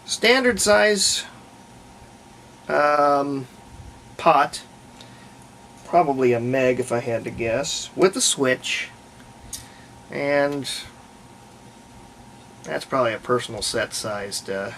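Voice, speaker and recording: A man with a medium-pitched, gravelly, creaky voice that's a bit bright talks slowly with lively intonation and frequent pauses. He's a hobbyist restorer presenting a repair video, offering casual, unscripted workbench commentary and thinking aloud as he works through a restoration. The recording is clear, with background noise.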